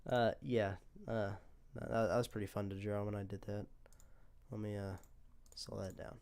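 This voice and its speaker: A young man casually commenting on his own animations, rambling and excitable. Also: on the low side, normal speed, vocal fry, clear, resonant tone. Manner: rambling, excitable, self-praising.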